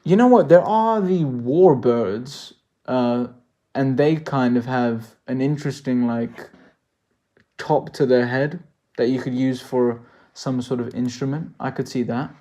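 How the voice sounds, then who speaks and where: A man's voice: mid-range voice, a little mellow, dull audio. Rambling man from South Africa, live Q&A. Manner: rambling, thinks aloud, jokey asides. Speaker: worldbuilding creator answering chat. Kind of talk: live-stream Q&A chat.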